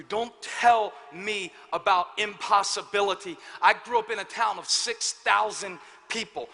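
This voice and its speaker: A man in his thirties preaches from a large church stage in a high, very bright, cutting voice. He swings from joking asides to full shouts. The voice rings through a reverberant hall over a faint background hum. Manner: animated, building to shouts, self-deprecating asides. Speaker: pastor. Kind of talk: energetic sermon with personal storytelling.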